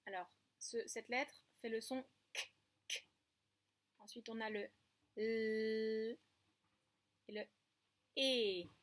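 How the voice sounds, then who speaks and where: A woman teaching a remote preschool lesson in a French accent, sounding out syllables clearly and praising the children gently. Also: on the high side, fairly even intonation, takes it slowly, pauses often. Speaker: kindergarten teacher.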